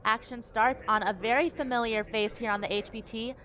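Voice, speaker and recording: A woman commentating a televised poker final table, giving upbeat, clear play-by-play. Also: fairly high pitch, fairly even intonation, brisk, fairly bright tone, a little hiss or hum.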